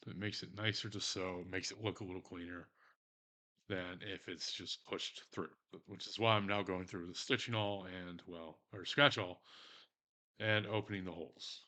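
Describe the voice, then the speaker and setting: A man with a Texan drawl talks through his handiwork in a loose, rambling way, swearing freely and mocking himself as he goes. His voice sits fairly low but comes across bright and forceful, with a casual streamer's ease. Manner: rambling, profane, self-mocking. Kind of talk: casual crafting stream chat.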